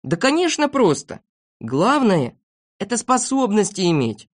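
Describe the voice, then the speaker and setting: A woman's voice: mid-range voice, sing-song, unhurried, voice pushed up. Woman doing a weary boy poet. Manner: lecturing, weary.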